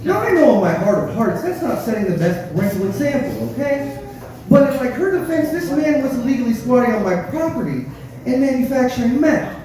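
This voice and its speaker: A man performing live stand-up comedy, telling crude, profane, dark-humored stories in a conversational way straight to the crowd. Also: extremely high pitch, animated, fairly quick. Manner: conversational storytelling, addresses the crowd directly. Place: live comedy show with audience, echoey room. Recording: echoey room, distant mic, audience noise.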